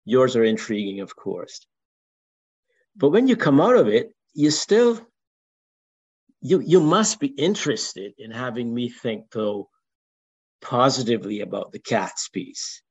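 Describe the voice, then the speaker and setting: A man's voice: medium pitch, sing-song, measured pace, pauses often, a little mellow, breathy edge. An older man with a Barbadian accent talks through his ideas in a casual discussion. He repeats his words often and builds long, wordy points. The recording is a little dull and lo-fi. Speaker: discussion participant. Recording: dull lo-fi sound.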